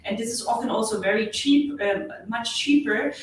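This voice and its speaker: A woman's voice: fairly high pitch, moderate pace. Brief: German woman, non-native English, hesitant consultant on a webinar, roomy far-off call sound, faint hum. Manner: hesitant, many fillers. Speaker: webinar speaker, energy consultant. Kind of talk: webinar Q&A answer. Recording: echoey, distant video-call audio with faint hum.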